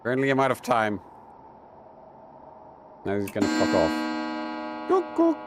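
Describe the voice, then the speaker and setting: A man's voice: lowish voice, moderate pace, heavy background noise. A man commenting on a mystery game playthrough in a sarcastic, joking way. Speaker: gamer.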